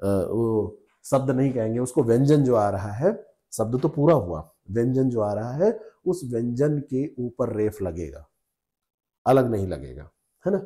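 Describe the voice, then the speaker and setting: A man's voice: medium pitch, lively intonation, measured pace, warm tone. A man teaching spelling rules to exam students, repeating each rule patiently and checking with the class. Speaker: Hindi exam tutor.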